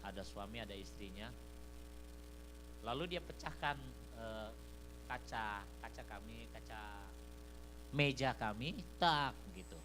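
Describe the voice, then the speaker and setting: A man preaching a sermon, swinging from loud, fervent passages to soft storytelling and repeating a fond address to his listeners. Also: fairly low pitch, measured pace, long pauses. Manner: repeats "beloved in the Lord" as a refrain. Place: church service. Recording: live stream with faint hum.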